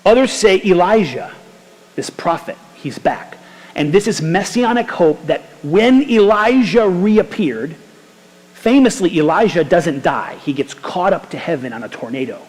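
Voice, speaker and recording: A man preaching a sermon as pastor, lively and conversational with casual slang. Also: sits high, measured pace, big-room sound, rough recording. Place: church sanctuary.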